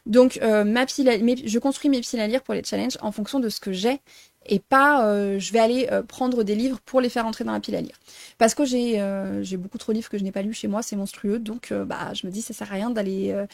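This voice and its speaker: A woman's voice: medium pitch, steady tone, a little fast, creaky, dry recording. Chatty young French woman, dry sound. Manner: chatty, self-correcting, many fillers. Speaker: book vlogger. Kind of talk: casual vlog chat.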